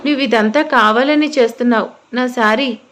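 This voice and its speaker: Woman voicing a sharp-tongued young wife. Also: a little high, moderate pace, close to an everyday voice. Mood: annoyed. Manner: scolding, sarcastic.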